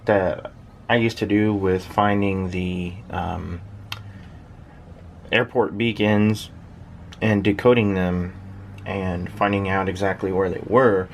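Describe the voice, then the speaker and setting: This man's low-pitched voice is fairly even in intonation, slow and full of pauses, with slight background noise. A hobbyist shortwave listener, he rambles hesitantly through a casual, unscripted tour of his own station in a small uninsulated shed with a workbench.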